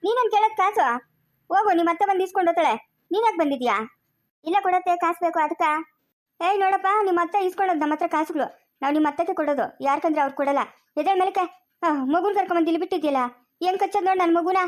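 A woman acting in a village family skit with a rural Chikkaballapur Kannada accent, scolding and coaxing in quick rustic speech. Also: extremely high pitch.

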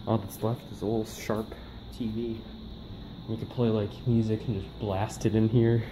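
A man's voice: lowish voice, flat delivery, moderate pace. A man talking casually as he walks through a big, empty store, rambling and easily amazed, with lots of fillers. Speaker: vlogger. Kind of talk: casual walkthrough narration. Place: large empty store, indoors. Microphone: handheld phone. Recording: phone recording with loud background noise.

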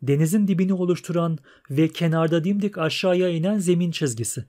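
A man reading the part of a learned young female poet, explaining things in an even, plain manner. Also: a little high, fast talker, lightly acted. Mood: patient.

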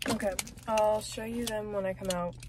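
A woman's voice: mid-range voice, fairly even intonation, moderate pace. A woman chatting casually to her phone camera in a car, rambling with lots of "like" and "um", her voice a little worn. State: losing her voice. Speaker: vlogger. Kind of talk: casual vlog chat. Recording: phone video with loud car noise. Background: loud car noise.

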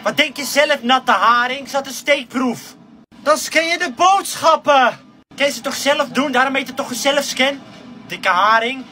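Man acting as a rude insulting woman worker, very high voice, music behind, distant mic. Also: a little slow, pushed and bright, heavily acted. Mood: snappish. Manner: insulting, snappish, scornful. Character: rude foul-mouthed female service worker. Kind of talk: sketch comedy acting.

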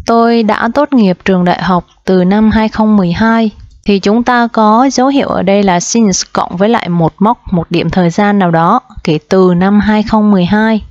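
A woman explains grammar in a slow, patient lesson, repeating each point for her viewers. Her voice sits at a middle pitch and is recorded close with no room sound. The sound is muffled and lo-fi. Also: a little mellow, no echo. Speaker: English grammar teacher. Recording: dull lo-fi dry sound.

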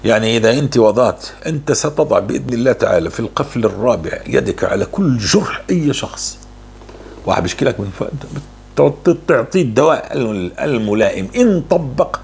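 A man's voice: medium pitch, lively intonation, fast, gravelly, darkish tone, a little hiss or hum. A man answering religious questions, fervent and repeating words for emphasis. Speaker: religious speaker.

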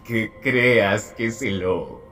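A man's voice: lowish voice, drawn-out words, a bit bright, faint music behind, exaggerated voice. A man in a fan dub playing a deranged, mocking inmate villain, theatrical and taunting, swinging from murmurs to cackles. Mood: menacing, sinister. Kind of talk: Spanish fan dub film acting.

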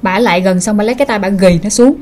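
A woman's voice: mid-range voice, racing, darkish tone. A woman narrating a ghost story in a casual, conversational way, as the channel's host. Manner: chatty, conversational, with spoken asides.

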